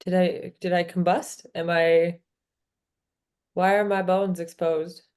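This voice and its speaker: A woman's voice: fairly low pitch, level tone, slow pace, a little mellow, clear, resonant tone. A woman with a Canadian accent playing in a tabletop game, joking and laughing often. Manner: playful, laughs a lot, joking. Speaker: player. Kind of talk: casual chat at a game table.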